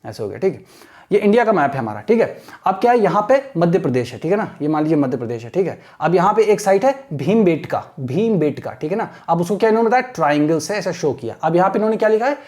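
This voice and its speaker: A man with an Indian accent teaching an exam-prep lesson, mixing Hindi and English, reading slowly and deliberately and repeating words for his students. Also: high-pitched, lively intonation, a little mellow. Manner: slow, deliberate reading aloud with repeated words and frequent "theek hai na".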